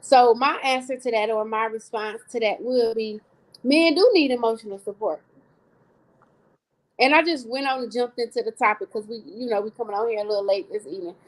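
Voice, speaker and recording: A woman with a slightly high voice speaks fairly quickly on a rough recording. She's co-hosting a casual live online talk show, talking earnestly and repeating phrases for emphasis.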